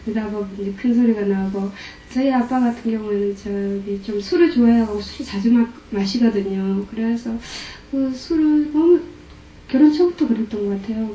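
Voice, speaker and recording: A woman's voice: mid-range voice, mellow, a little hiss or hum. A middle-aged woman from the audience, asking a Buddhist teacher about her marriage, hesitant and self-reflective, trailing off. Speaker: questioner from the audience. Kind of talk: confessional question in a dharma talk. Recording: roomy hall, distant from the mic.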